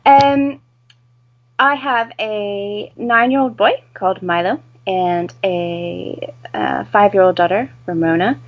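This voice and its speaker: A woman's voice: medium pitch, slow, highs cut off. A woman in her thirties with an American accent, talking casually as an interview guest. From United States. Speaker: interview guest, home-educating mother.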